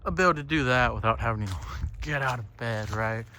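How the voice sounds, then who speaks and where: Out on a lakeside trail, with birds and outdoor ambience in the background, a solo podcaster speaks a little fast in a medium-pitched, bright, forceful voice. He muses in a casual, rambling, reflective monologue, swearing freely and frequently tagging phrases with "right?".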